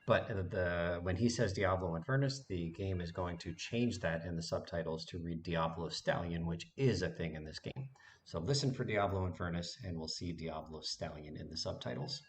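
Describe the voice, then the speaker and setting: A man hosting a gaming channel, giving relaxed, chatty gameplay commentary with plenty of filler words. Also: low voice, moderate pace, a little hiss or hum.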